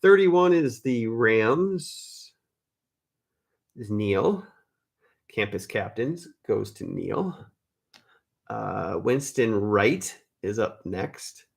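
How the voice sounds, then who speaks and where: A man with a gravelly, creaky voice hosts a live card break in an easy, unhurried way. He talks casually, calls out viewers by name and openly corrects his own slips. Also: on the low side, very animated.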